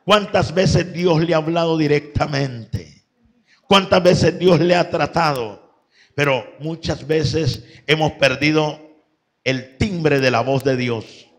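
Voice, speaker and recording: A man delivers a sermon in a high-pitched voice with a rough, gravelly edge. He repeats phrases of praise as he goes and climbs into loud, shouted peaks. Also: slow. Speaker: preacher.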